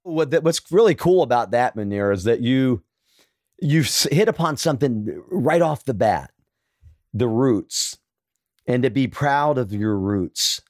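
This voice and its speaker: A man's voice: mid-range voice, animated, unhurried, darkish tone, no echo, studio quality. A man hosting an interview, asking questions and responding in an encouraging, affirming way. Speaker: host. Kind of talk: interview conversation.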